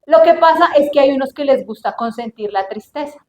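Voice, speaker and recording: A woman preaching a sermon in an animated way, asking her listeners questions and acting out the voices of the people she quotes. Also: high-pitched, fairly quick, reverberant.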